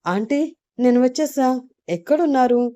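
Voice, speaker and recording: A woman's voice: medium pitch, animated, normal speed, mellow, no echo, clean studio sound, lightly acted. A woman voicing a polite, cheerful young working woman in a lightly raised voice.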